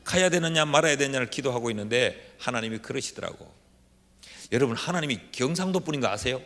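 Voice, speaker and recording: A middle-aged male pastor delivers a revival sermon, telling folksy stories and dropping from quiet asides to loud calls to the crowd. His voice carries a long reverb through a large church sanctuary. A faint hum of room noise sits underneath. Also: mid-range voice, lively intonation, quick pace. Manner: folksy storytelling, swings from hushed asides to shouted exhortation.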